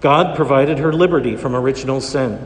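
A man, a priest reading scripture and preaching in a solemn, measured way, his voice echoing through a large church. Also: medium pitch. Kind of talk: liturgical gospel reading and homily. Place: large reverberant church during Mass. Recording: long cathedral-like echo, large church.

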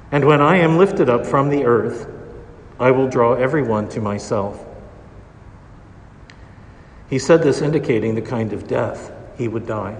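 A man, a priest, reading the gospel and preaching a homily in a measured, deliberate way, his voice carrying the long echo of a large church. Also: mid-range voice. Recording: reverberant church recording.

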